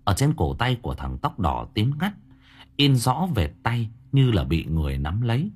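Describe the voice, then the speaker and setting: A man's voice: lowish voice, very animated, normal speed, slight background noise. A man narrating a horror story for an audiobook, telling it vividly and dramatically.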